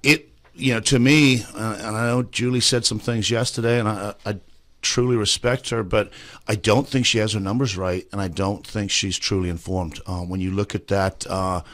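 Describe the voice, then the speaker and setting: Middle-aged man from Zimbabwe, very low voice, plainspoken radio guest with halting fillers. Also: steady tone, a bit bright. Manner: plainspoken, frequent fillers and restarts. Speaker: state delegate guest. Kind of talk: radio talk show interview. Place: small office, indoors. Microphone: studio mic with headphones, remote video link.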